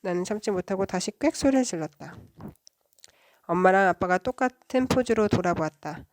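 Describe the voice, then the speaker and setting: A woman reading a children's novel aloud in a soft, even voice. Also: mid-range voice, fairly quick. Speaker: children's book reader. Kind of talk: storybook read-aloud.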